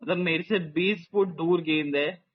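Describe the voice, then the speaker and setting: An Indian man offers casual live commentary on a cricket match. His voice sits slightly high for a man, and the audio is muffled and lo-fi. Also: unhurried. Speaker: cricket watch-along commentator. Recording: dull, lo-fi voice audio.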